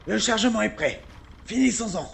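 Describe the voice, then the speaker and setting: A man voicing a calm, smiling old male schemer in an audio drama, composed and businesslike. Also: sits high, moderate pace, gravelly, slight background noise, voice pushed up, full character voice. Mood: impatient.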